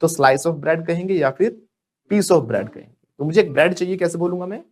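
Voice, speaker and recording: A man teaching spoken English to a live class. He drills students with call-and-response prompts and slows right down on the model English phrases. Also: fairly high pitch, animated.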